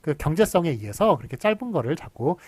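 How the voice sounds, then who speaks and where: Male lecturer, lively rising-falling delivery, slightly high voice, patient with fillers, dry close mic. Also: quick pace, husky, dry recording. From Seoul. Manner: explains patiently with many fillers and restarts, drawls out examples. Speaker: university lecturer. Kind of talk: recorded online lecture.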